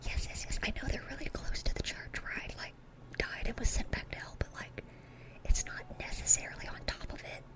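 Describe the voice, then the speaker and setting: Sweet and excited, the whispered voice of a dorky, good-hearted young demon girl rambles earnestly and chattily in an ASMR roleplay performed by a woman. It's a breathy, unvoiced whisper in her natural voice, delivered briskly, and the audio is poor.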